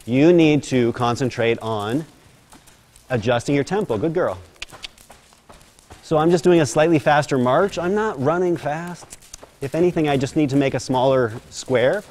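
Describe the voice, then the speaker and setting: A man's voice: on the high side, moderate pace, darkish tone, slight background noise. A man horse trainer giving hands-on instruction in a horse arena, chanting rhythmic counts while he explains, with light self-deprecating asides.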